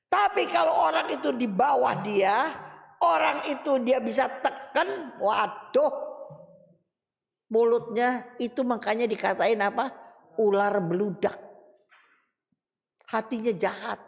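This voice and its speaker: A middle-aged woman from Indonesia preaches with a strongly gravelly, somewhat high voice. She speaks in a colloquial, animated way, swinging from loud emphatic lines to soft asides. Her voice carries the long reverb of a hall. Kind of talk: sermon teaching.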